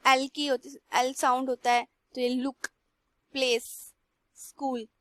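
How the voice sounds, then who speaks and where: A young woman teacher slowly reads textbook lines aloud and then explains them in Hindi. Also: high voice, flat delivery, pushed and bright, no echo. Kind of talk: classroom lesson.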